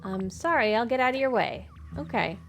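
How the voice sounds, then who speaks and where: A woman's voice: fairly high pitch, expressive, moderate pace, over music. A woman streaming a game live, chatting in a giggly, apologetic way.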